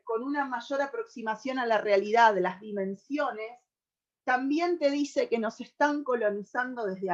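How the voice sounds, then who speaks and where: An Argentine woman presenting on a radio program, explaining at length and pausing often on fillers as she gathers her thoughts. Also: fairly high pitch, muffled recording. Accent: Argentine Spanish. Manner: thoughtful, with many hesitations and restarts.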